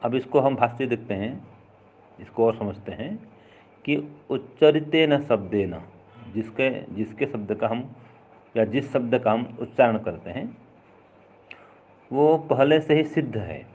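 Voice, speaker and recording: A man teaches a classical philosophy text in a patient, repetitive way, going over each idea with simple everyday examples. His voice sits at a middle pitch. The recording is a little dull and lo-fi. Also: animated, a little slow, pauses often, darkish tone.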